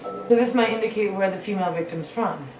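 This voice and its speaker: A woman's voice: mid-range voice, fairly quick, a little mellow, natural voice. An actress playing a blunt, matter-of-fact female forensic anthropologist, heard from a TV clip. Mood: focused. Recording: TV clip, echoey, music behind, distant.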